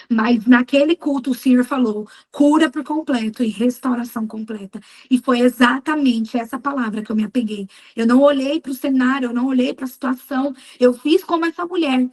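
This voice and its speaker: A woman's voice: a little high, darkish tone, rough recording. A middle-aged woman giving a fervent church testimony, telling her story emphatically and quoting her own prayers. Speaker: speaker at a women's church meeting. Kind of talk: testimony sermon.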